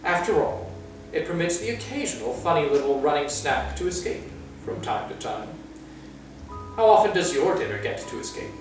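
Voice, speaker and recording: A man's voice: a little high, sing-song, moderate pace, faint music behind. Casting: man to play a smug, silky cat from a children's tale, cruelly playful and unimpressed; distant, very roomy sound. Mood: silky, condescending. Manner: smooth, conversational, superior. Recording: very distant, echoey room.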